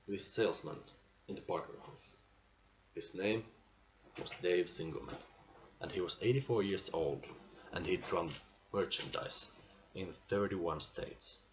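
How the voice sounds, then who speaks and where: A man playing an aging, nostalgic salesman in a dramatic stage monologue, earnest and halting, with emphatic bursts. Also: sits low, animated. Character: aging male salesman, nostalgic, pleading, weary pride. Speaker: actor performing a monologue. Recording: muffled amateur recording with clear background noise.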